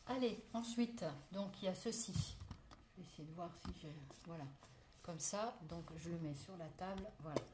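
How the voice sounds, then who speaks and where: Recorded on a phone camera at a table indoors away from home, a chatty French woman unboxes craft supplies in a casual show-and-tell. Her voice is fairly low, her pace moderate, and she narrates her hands with plenty of fillers and "voilà" over loud crinkling and clicking.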